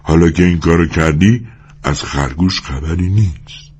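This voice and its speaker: A man reading a story aloud, voicing a big, simple-minded man who talks slowly and plaintively, like a frightened child. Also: low-pitched, darkish tone, a little hiss or hum, close to an everyday voice. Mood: grieving.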